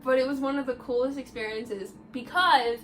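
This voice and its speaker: A woman's voice: high-pitched, steady tone, normal speed, slight background noise. A young woman vlogger chatting casually, telling a story with lots of "like" fillers. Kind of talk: casual chat.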